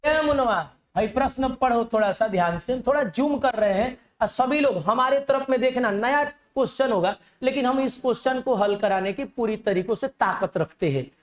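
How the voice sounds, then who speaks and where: A man with a Bhojpuri-inflected Bihari accent teaching a live online reasoning class, animated and now and then shouting, calling his students "babu". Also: very high voice, normal speed, few pauses, reverberant. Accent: Bhojpuri-inflected Hindi, Bihar.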